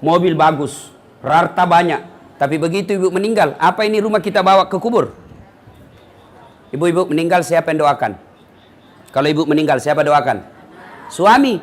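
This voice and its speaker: A man preaching a humorous sermon to an audience, lively and teasing, mimicking the people he talks about. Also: high voice, slight background noise. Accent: Makassar.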